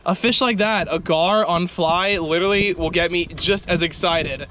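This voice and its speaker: A young man giving excited casual fishing vlog commentary in frat-bro slang, saying dude constantly. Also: high voice, normal speed. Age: young adult. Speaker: fishing vlogger. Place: outdoors on small boat on canal. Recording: windy outdoor noise on boat.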